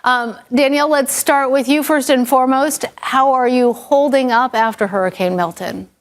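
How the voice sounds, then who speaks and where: A woman's voice: sits high, moderate pace. A woman anchoring television news, conducting a live interview.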